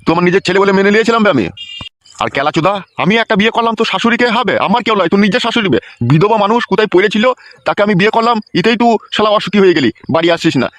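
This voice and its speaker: A man's voice: high-pitched, very fast, fairly bright tone, no echo. A man voicing an exasperated old cartoon father who rants and swears at his son-in-law. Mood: ranting. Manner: ranting, swearing.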